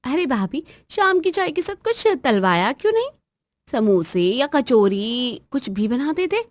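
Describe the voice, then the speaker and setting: Brief: a woman playing a spoiled, bossy daughter for an acted family story, shrill and high, barking orders, in a dry, close recording. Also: big pitch swings, measured pace, no echo. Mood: shrill demanding. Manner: shrill, nagging, commanding.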